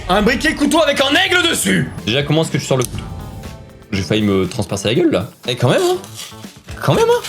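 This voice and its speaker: A young man vlogging from a small studio, his high voice leaping wildly up and down as he jokes crudely and yelps at each new gadget. Soft music plays underneath. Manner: hyper, crude joking, yelping reactions. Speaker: YouTuber. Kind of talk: excitable product-testing vlog.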